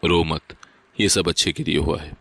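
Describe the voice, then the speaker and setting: A man's voice: extremely low pitch, fairly even intonation, vocal fry, dry recording, full character voice. Cruel angry husband, read by a man. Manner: shouting, sneering.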